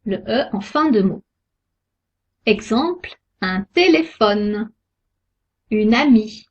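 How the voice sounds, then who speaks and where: A woman giving a scripted pronunciation lesson, sounding out each example word slowly and carefully. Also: fairly high pitch, expressive, slightly rough. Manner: slow, careful, deliberate articulation of example words. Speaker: French pronunciation teacher. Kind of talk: slow scripted lesson narration. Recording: dull lo-fi recording.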